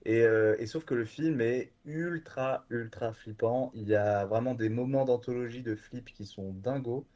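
A man's voice: mid-range voice, unhurried, few pauses, a little mellow. Guy chatting all hyped, stumbles and restarts a lot, kinda muffled audio. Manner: enthusiastic, rambling with many fillers and restarts. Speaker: guest from a horror streaming platform. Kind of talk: casual podcast chat.

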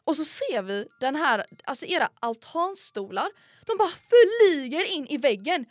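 Young female co-host, high and dry, dramatic storyteller full of fillers. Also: dry recording. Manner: animated, dramatic, with frequent fillers. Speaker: podcast co-host. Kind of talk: casual storytelling chat.

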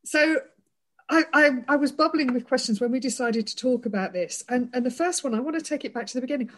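A woman hosts a relaxed podcast conversation with upbeat enthusiasm, keen to ask questions. Her voice sits a little higher than most women's. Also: fast. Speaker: podcast host. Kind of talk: casual podcast chat.

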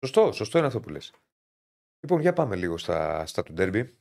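A man's voice: fairly low pitch, big pitch swings, creaky, a little mellow. A man from Greece hosting a casual sports talk show, chatty and jokey with loose asides. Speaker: podcast host.

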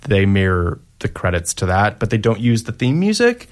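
A man's voice: fairly low pitch, wildly swooping pitch, moderate pace. A man co-hosting a podcast, recapping a film plot in casual chat, hesitant and laughing often. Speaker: podcast co-host.

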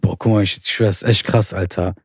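Young male podcast host with a husky voice, telling a story in a close, dry recording and bringing it to life as he goes. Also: sits low, fast, dry recording. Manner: animated, swears oaths, acts out quoted voices. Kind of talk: casual storytelling chat.

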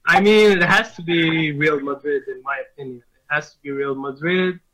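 A man's voice: on the high side, moderate pace, pushed and bright, low-quality recording. A man from Bangladesh phoning a football show, giving firm, emphatic opinions. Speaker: caller. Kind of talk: casual phone-in chat.

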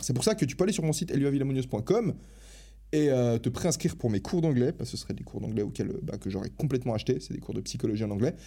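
A man's voice: mid-range voice, dark tone, breathy edge. A young man hosting a podcast alone, talking casually with slang and lots of enthusiasm. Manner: fast, enthusiastic, slangy and self-interrupting. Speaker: podcast host. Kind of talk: casual solo podcast talk.

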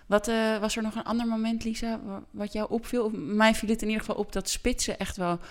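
A woman's voice: fairly high pitch, fairly even intonation, a little fast. A woman co-hosting a casual podcast discussion, asking questions and steering the talk. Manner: asks questions, steers the conversation.

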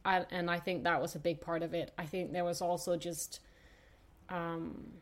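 Appearing as a guest on a podcast, this young woman from Denmark recounts her own story, hesitating often and using lots of fillers as she thinks. Her voice is on the low side with a level tone.

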